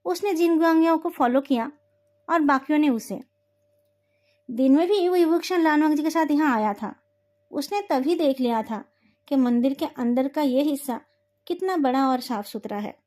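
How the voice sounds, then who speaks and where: A woman with a high voice narrates a novel retelling. She reads in a steady storytelling manner, carrying the plot along line by line. The voice stays high throughout. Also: normal speed.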